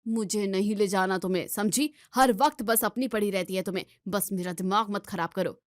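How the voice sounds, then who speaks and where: A woman's voice: medium pitch, moderate pace, no room sound, clean studio sound, pitched below the performer's own voice, natural voice. A woman voicing an impatient young husband who snaps brusquely and dismisses his wife. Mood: angry. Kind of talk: storybook voice acting.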